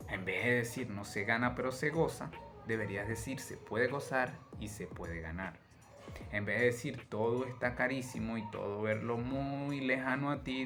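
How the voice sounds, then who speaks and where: Guy with a lowish voice giving a pep-talk trading lesson, lots of rhetorical questions, soft music under it. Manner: motivational, rhetorical questions, tag questions "¿no?". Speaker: trading course instructor. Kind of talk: online course lecture.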